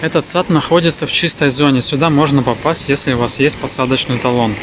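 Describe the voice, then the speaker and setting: A man's voice: mid-range voice, fast. A man giving a casual walk-through tour commentary as a vlogger on location. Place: on location in and around an airport. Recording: loud ambient noise behind voice.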